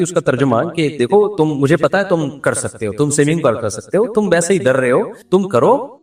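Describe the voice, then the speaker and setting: Man, preacher; humorous, animated storytelling; higher-pitched, roomy far-off recording. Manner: lively storytelling, acts out voices in quoted dialogue. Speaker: Islamic scholar giving a religious talk. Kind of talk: religious lecture with humorous anecdotes. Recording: roomy, distant mic.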